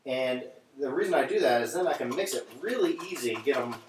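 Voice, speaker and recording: A man's voice: medium pitch, expressive, quick pace, far from the mic. Man with an echoey, cave-like sound. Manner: chatty, talks to viewers while fiddling with audio settings. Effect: echoey, cave-like room sound. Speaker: livestream host cooking breakfast. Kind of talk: casual livestream chat while cooking. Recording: roomy echo, off-mic, faint noise.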